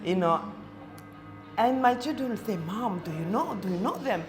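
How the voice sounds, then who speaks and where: Calm woman guest. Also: mid-range voice, moderate pace, over music. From Congo. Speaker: interview guest. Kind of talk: casual interview. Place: coffee shop.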